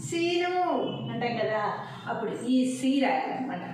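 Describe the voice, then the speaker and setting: A woman teacher slowly and patiently spelling out syllables, with a sing-song way of reciting. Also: high voice, lively intonation. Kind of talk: teaching a Telugu alphabet lesson. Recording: very echoey, distant room mic with faint noise.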